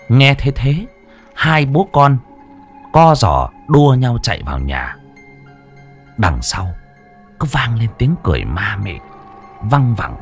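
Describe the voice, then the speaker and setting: A man reading a story aloud in an expressive, lively way. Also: lowish voice. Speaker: audiobook reader. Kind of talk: storytelling narration.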